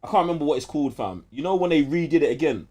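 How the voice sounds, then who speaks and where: Talking very fast in a fairly high voice, a young podcast co-host from London piles on heavy street slang. He tells his stories with animated emphasis.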